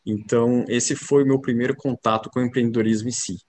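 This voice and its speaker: A man, a company co-founder talking casually as an interview guest, relaxed and rambling with many fillers. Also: medium pitch, quick pace. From interior of São Paulo state, Brazil.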